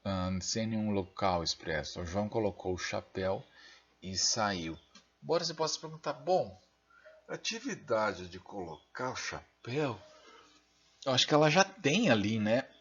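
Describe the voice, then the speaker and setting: A man's voice: on the low side, lively intonation, moderate pace, a bit bright, breathy edge, dull audio. A Brazilian man giving a recorded linguistics lecture, thinking aloud and checking in with frequent tag questions. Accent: Brazilian Portuguese. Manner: self-deprecating asides while using the mouse.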